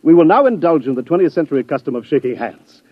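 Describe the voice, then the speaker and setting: In a 1950s radio drama heard through a muffled old broadcast, a man with a fairly high, expressive voice speaks quickly and without echo. He plays a pompous, fussy art scholar who has journeyed back from the future.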